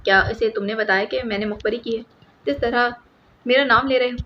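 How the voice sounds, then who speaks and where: A woman's voice: fairly high pitch, steady tone, bright, forceful tone. A woman voicing a sly, playful young man in an audiobook, speaking in a mild, bemused tone. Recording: slightly muffled with faint hiss.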